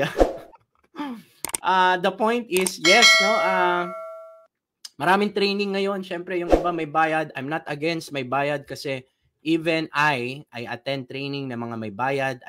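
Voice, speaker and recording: High-voiced man telling a story. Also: fairly bright tone. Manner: chatty storyteller who laughs at his own story and asks the audience questions. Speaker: trainer. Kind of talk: online training session with storytelling.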